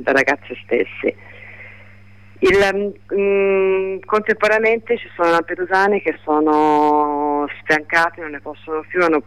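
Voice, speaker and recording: A woman giving a live report by telephone, talking in a halting way with many fillers and restarts. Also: sits low, a bit bright, clear, resonant tone, no echo, rough recording. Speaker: phone-in reporter.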